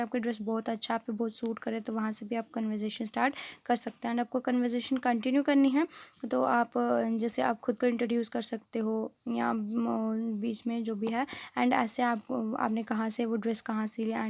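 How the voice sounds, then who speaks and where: Gravelly woman teaching a grammar lesson. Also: fairly high pitch. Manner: explains in Hindi mixed with English, frequent fillers and "ठीक है"; reads English phrases slowly and carefully.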